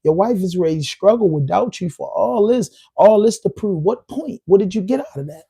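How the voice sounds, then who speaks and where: A man hosts his own livestream podcast, riffing loosely to the chat. His voice sits a bit high for a man and has a dark, mellow tone. He talks in a heated, emphatic way, circling back to repeat his points. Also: lively intonation, a little fast, vocal fry, breathy edge. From Baltimore. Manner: heated, repetitive, emphatic street talk. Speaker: podcast host. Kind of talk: live-stream commentary.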